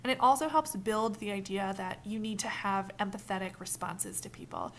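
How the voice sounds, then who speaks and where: A woman leading a mentor training in a casual, animated way, acting out example lines as she explains. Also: mid-range voice, moderate pace, gravelly, slight background noise. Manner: animated, acts out quoted examples.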